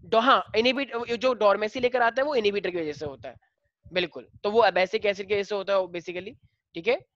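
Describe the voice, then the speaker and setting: A male teacher with an Indian accent explaining biology to a class, switching between Hindi and slowly dictated English lines. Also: high-pitched, a bit bright, no echo, lo-fi sound.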